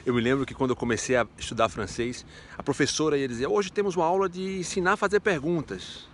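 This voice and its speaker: A man's voice: on the high side, fast, faint music behind. A man teaching a casual video lesson in a chatty, playful way, asking himself rhetorical questions. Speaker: French teacher.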